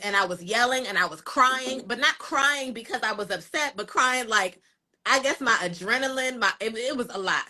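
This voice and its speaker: A woman co-hosting a live show, telling a story in an animated, dramatic way with asides to her listeners. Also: a little high. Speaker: co-host. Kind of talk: casual storytelling chat.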